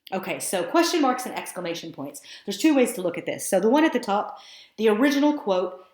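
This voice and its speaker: A woman's voice: medium pitch, big pitch swings, fairly quick, a little mellow. A woman teacher narrating a screencast lesson in an explanatory, conversational way with some fillers. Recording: roomy echo.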